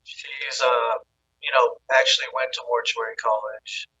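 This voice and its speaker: A man speaking as a podcast guest with hesitant, halting speech full of ums, his voice tinny and thin with no bass, from a phone held at a distance. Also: fairly even intonation, bright, forceful tone, slightly rough, no echo. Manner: hesitant, with frequent ums and restarts. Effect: tinny, thin audio with no bass. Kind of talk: casual remote conversation.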